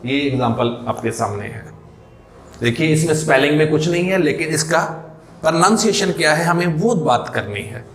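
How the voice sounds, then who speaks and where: Male English teacher, fairly high voice, echoey room, questions-and-answers lesson style, slows on key terms. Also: lively intonation, a bit bright. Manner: mixes Hindi with English words. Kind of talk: classroom-style lesson explanation.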